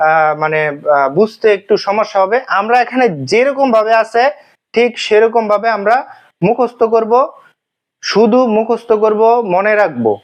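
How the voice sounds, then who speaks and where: Man, high voice, teaching a lesson, repeats points, asks and answers himself, muffled lo-fi sound. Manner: repetitive, asks and answers own questions, many fillers. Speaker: Japanese language teacher. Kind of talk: classroom lesson explanation. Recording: dull lo-fi sound.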